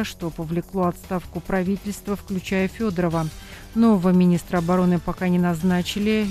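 A woman anchoring a radio newscast in a crisp, even newsreader delivery at a studio mic. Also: on the low side. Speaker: news anchor. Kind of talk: radio news reading.

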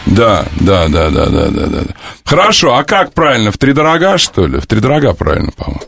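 A man hosting morning radio, with a gravelly edge to his voice and a pitch that swoops up and down. He argues with confidence and fires off short words in repeated bursts. The studio sound is close and dry. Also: wildly swooping pitch, a little fast, fairly bright tone, no echo, faint music behind. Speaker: radio host. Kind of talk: morning radio talk, casual and opinionated. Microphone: studio microphone.

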